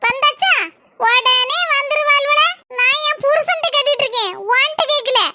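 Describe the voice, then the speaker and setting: A woman voicing a sharp-tongued young wife in a cartoon, scolding with quick comebacks in a Kanyakumari Tamil accent. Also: very high voice, no echo, heavily acted. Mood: quarrelsome.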